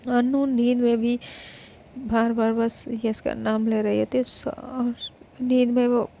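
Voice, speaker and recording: Gravelly-voiced woman telling a story. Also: a little high, little pitch movement, slow, dark tone. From India. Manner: improvised retelling, mixing English words into her speech. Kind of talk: casual spoken story narration.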